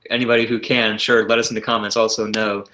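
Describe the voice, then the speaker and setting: A low-pitched man hosts a livestream in easygoing chat. He is loose and talkative, laughing often and leaning on filler words. His voice carries a noticeable echo, as if from an open room. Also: quick pace, a little hiss or hum. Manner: relaxed, chatty, frequent laughter and filler words. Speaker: livestream co-host. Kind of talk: casual chat. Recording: roomy echo.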